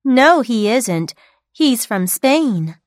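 A woman reading textbook dialogue answers for a listening test, slowly and carefully enunciated for learners. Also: on the high side, very animated, no echo, studio quality.

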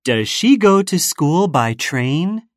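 A woman reading textbook dialogue questions for a listening test, slowly and carefully enunciated for learners. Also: low-pitched, sing-song, no echo, studio quality.

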